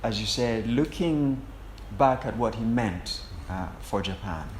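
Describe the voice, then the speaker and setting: Male interviewer, fairly deep, formal and deliberate with mid-sentence pauses, roomy echo, slight background noise. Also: lively intonation. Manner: measured, wordy, pausing mid-sentence. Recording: echoey room with faint noise.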